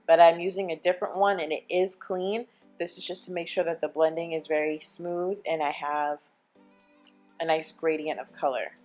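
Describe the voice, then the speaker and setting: Chatty young woman explaining her makeup steps. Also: lowish voice. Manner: chatty, explaining each step as she goes. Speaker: beauty vlogger. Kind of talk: makeup tutorial and review. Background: soft background music.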